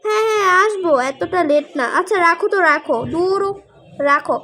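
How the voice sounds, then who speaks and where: A woman doing a flustered excitable young woman, high and squeaky. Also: a little fast, slight background noise. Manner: exclamatory, flustered.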